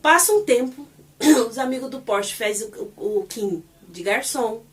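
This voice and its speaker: A woman recapping a TV episode in a casual, animated way, acting out the characters' lines as she goes. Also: a little high, measured pace, far from the mic. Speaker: series reviewer.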